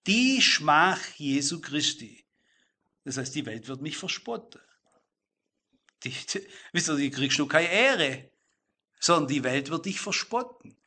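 A middle-aged man preaching a sermon, speaking straight to the congregation and slowing down to stress key phrases. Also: fairly high pitch, sing-song, pushed and bright. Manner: addresses listeners directly, emphatic with slow stressed phrases.

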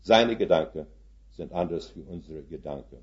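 A man's voice: very deep voice, normal speed, lo-fi sound. A man in his seventies preaching a sermon full of stories, putting folksy rhetorical questions to his congregation and dropping English words into his German. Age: 70s.

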